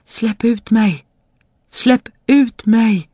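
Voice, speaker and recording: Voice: mellow, no room sound, clean studio sound, lightly acted. A narrator voicing a huge, boastful spirit trapped in a bottle, in a storybook reading, crying out and threatening. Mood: pleading. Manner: shrill pleading cries, then booming threats.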